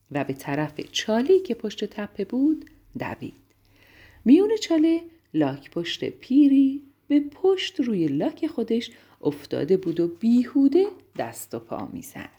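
A woman reading a bedtime story to children, gentle and expressive, sometimes dropping to a whisper. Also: mid-range voice, slightly rough, muffled recording.

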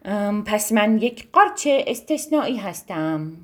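A woman's voice: medium pitch, big pitch swings, fairly bright tone. A woman voicing a small, polite little mushroom in a bedtime story. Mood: content.

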